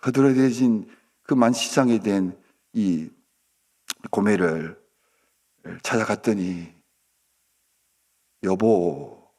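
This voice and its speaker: Low-voiced pastor acting out a story in a morning sermon, goes loud then hushed. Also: male voice, expressive, measured pace, long pauses. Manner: dramatic storytelling, swinging between loud outbursts and hushed asides. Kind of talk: dawn prayer sermon.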